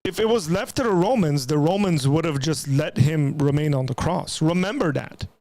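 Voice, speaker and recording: A man hosting a livestream reaction, speaking casually to his viewers with a halting, stop-start delivery. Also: a little high, a little mellow, no room sound. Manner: hesitant, restarting, addresses viewers as guys. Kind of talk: casual live commentary.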